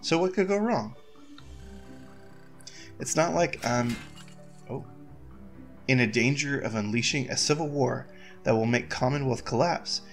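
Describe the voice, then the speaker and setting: A man's voice: mid-range voice, a little slow, creaky, pauses often, music in the background. A man voicing a nervous young princess in a game, who frets aloud and keeps repeating reassurances to herself. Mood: anxious. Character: nervous young princess, anxious heir to throne. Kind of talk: reading game dialogue aloud.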